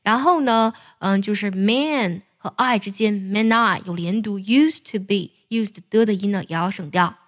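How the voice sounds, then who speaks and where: A woman teaching how to sing an English song, speaking in a patient, measured way with soft particles at the ends of her phrases. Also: mid-range voice. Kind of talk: explaining lyrics and singing technique.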